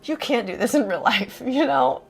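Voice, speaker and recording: A woman's voice: high voice, animated, moderate pace, creaky, slightly rough, faint music behind. A young adult woman narrating a casual vlog in a chatty, enthusiastic way, with lots of "like". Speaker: vlogger host.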